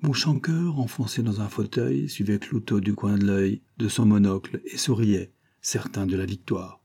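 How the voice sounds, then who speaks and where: A man reading a novel aloud as narrator, in steady, measured storytelling. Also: on the low side, vocal fry, breathy edge. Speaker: audiobook reader. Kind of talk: scripted narration.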